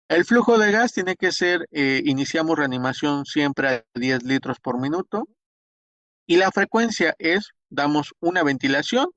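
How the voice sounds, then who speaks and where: A man's voice: mid-range voice, fairly bright tone, no echo. A man with a Mexican Spanish accent giving a spoken lecture, explaining step by step, with frequent hesitations and restarts. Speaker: instructor. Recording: dull, dry lo-fi recording.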